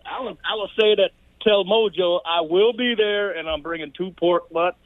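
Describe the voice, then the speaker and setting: A man's voice: high-pitched, moderate pace, dry recording. A man calling in to a radio show, cheerful and rambling, heard over a phone line. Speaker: caller. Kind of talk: casual phone call.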